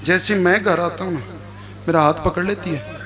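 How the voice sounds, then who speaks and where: A man with a Punjabi accent reciting a majlis to a village mourning gathering, moving from soft narration to shouted, sung lament. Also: high-pitched, fairly even intonation, normal speed. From Pakistan. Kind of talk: impassioned religious majlis oration.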